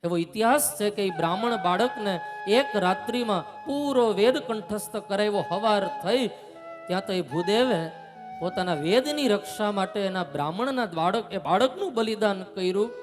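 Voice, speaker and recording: A man's voice: high voice, lively intonation, normal speed. A man from telling a religious story at a live gathering, acting out the characters and chanting folk verses. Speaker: katha storyteller. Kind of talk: religious discourse with acted story. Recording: reverberant hall with music behind.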